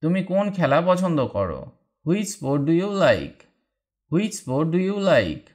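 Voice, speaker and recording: A man teaching spoken English, reading each short sentence and then repeating the English slowly and deliberately. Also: on the high side, wildly swooping pitch, a little mellow. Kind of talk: slow read-aloud drill lesson.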